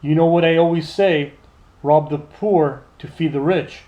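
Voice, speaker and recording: A man's voice: fairly high pitch, fairly even intonation, measured pace, muffled recording, lightly acted. A man voicing a vain, greedy, short-tempered prince in a pompous, theatrical children's storybook manner. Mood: gloating.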